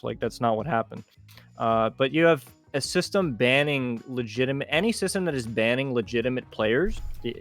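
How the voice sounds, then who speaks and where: A man's voice: mid-range voice, a bit bright. A male guest in casual gaming chat, ranting heatedly and swearing a lot.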